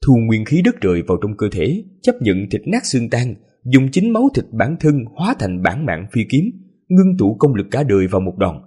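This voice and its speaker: A man with a hoarse voice narrating a serialized story as the channel host, in a relaxed, chatty way. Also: medium pitch, normal speed. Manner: relaxed, chatty asides with fillers.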